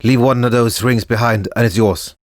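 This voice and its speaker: A man voicing a gruff, skeptical townsman shopkeeper who talks bluntly and mockingly in rustic speech. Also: medium pitch, steady tone, moderate pace, no echo, clean studio sound, voice pushed up, close to an everyday voice.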